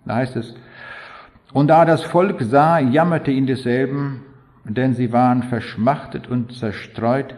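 A man's voice: mid-range voice, unhurried, darkish tone. An older man from East Prussia preaching a fervent sermon, building to emphatic appeals and long spoken lists. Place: large hall. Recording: echoey hall.

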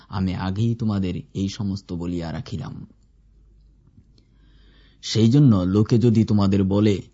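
A man reading scripture aloud in a measured, formal recitation. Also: on the low side, mellow, husky. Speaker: scripture reader. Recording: dull lo-fi recording.

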